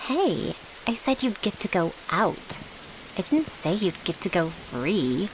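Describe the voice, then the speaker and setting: Slow yet very animated, a medium-pitched female voice voices a vampire's loyal, flirtatious servant in close-up ASMR audio. Her tone is smug and teasing and her speech relaxed, with a hiss like rainfall running underneath.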